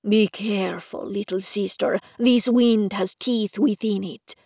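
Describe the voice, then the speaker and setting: A woman voicing a large, protective male dragon who speaks slowly and steadily in a reassuring tone. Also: mid-range voice, fairly even intonation, a little mellow, husky, no room sound, studio quality. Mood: warning.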